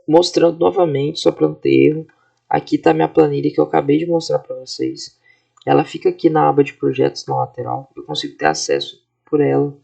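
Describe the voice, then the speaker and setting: Young brazilian guy demoing his project on screen, super gravelly voice, kinda high, keeps checking in with the viewers. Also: darkish tone. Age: 20s. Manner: casual, explanatory, frequent fillers and tag questions. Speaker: student presenting a class project. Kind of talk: screen-recorded software walkthrough.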